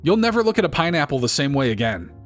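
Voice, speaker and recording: A man's voice: on the high side, big pitch swings, fast talker, soft background music. A man giving scripted comedic narration, full of wry, sarcastic asides.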